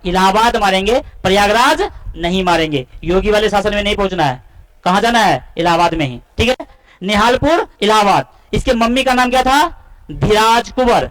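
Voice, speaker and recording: A man's voice: high-pitched, lively intonation, normal speed, fairly bright tone, poor audio. A man teaching a class lesson, asking students questions and then answering them himself. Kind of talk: classroom-style lesson explanation.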